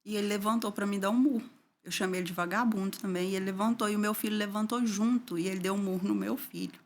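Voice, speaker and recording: A middle-aged woman from Brazil, an interview guest giving an emotional personal testimony, her voice dropping low and soft and tearful at painful moments. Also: fairly even intonation, fast talker.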